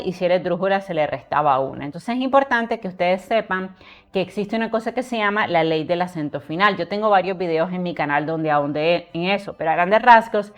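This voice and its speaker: A woman teaching literature, explaining poetic meter and counting syllables aloud to her viewers. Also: mid-range voice. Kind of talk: recited poem, then lesson.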